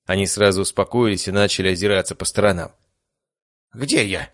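A man narrating an audiobook in a steady, even storytelling manner. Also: deep voice, fast, no room sound, studio quality.

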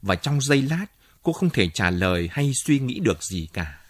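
Man reading a story with lively intonation. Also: medium pitch, normal speed, no room sound, studio quality. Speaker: narrator.

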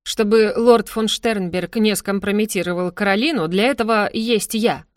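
A woman's voice: mid-range voice, fairly quick, no room sound, clean studio sound, natural voice. A woman voicing an imperious elderly grandmother who speaks firmly and commandingly.

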